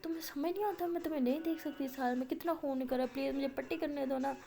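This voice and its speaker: A woman's voice: high-pitched, creaky, warm tone, soft background music. A woman voicing a tender, pleading young female student in a storytold romance. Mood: insistent. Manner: pleading, insistent.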